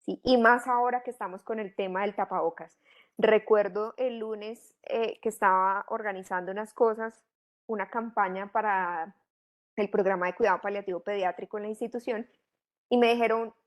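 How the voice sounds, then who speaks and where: A woman's voice: medium pitch, steady tone, normal speed. A middle-aged woman, teaching a training course in a didactic way, asking many rhetorical questions. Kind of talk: online training lecture.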